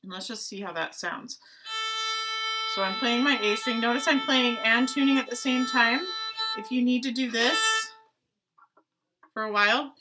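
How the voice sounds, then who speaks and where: A woman teaching a playful online strings lesson for children, asking questions and keeping it lively. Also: on the high side, moderate pace, pauses often, over loud music. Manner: animated, talks to kids with pretend play and questions. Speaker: music teacher. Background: violin notes.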